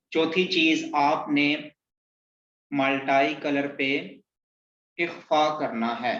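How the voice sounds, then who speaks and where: A man teaching Quran reading, spelling out letters and syllables slowly and deliberately in a recorded lesson. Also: medium pitch, a bit bright. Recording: echoey, dull lo-fi room recording.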